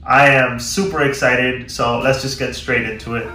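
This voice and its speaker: Excited young man in echoey room. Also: mid-range voice, moderate pace, soft background music. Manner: enthusiastic, many fillers and repeats. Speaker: reptile vlogger. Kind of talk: casual vlog. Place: room at home with reptile tanks.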